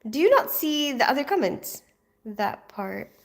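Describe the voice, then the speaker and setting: A middle-aged woman from the Philippines hosting a casual livestream, reading viewer comments aloud and chatting with a quick laugh. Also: high voice, big pitch swings, creaky. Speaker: livestream host.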